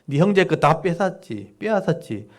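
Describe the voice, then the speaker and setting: A man preaching acts out an angry man accusing his suffering friend, firing sharp, loud retorts. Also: fairly high pitch, very animated, moderate pace, pitched above the performer's own voice. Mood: scolding.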